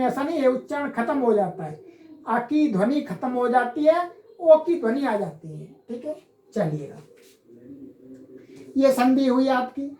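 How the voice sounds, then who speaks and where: A woman's voice: sits high, a little mellow, echoey room, slight background noise, rough recording. A woman teaching Sanskrit grammar, explaining step by step and asking and answering her own questions. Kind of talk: classroom lecture.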